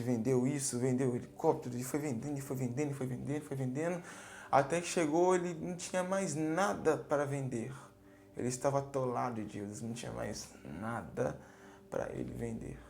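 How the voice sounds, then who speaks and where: A man's voice: mid-range voice, gravelly, a little mellow. A man narrating a parable dramatically and closing it with a religious reflection, with emphatic repetition. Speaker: preacher telling a parable.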